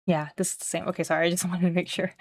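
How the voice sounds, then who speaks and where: A woman with a lowish, fairly flat voice talks very fast while livestreaming a game she built herself, chatting casually in a scattered way, cutting herself off, and reading game text aloud. The recording is dry and studio quality.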